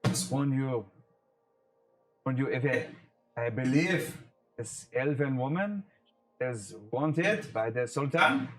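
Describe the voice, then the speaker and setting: Cautious old man, played by a man, quiet and hesitant, in an echoey room. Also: mid-range voice, faint music behind, lightly acted. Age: older. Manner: hesitant, slow, hushed. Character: elderly cautious man giving a warning.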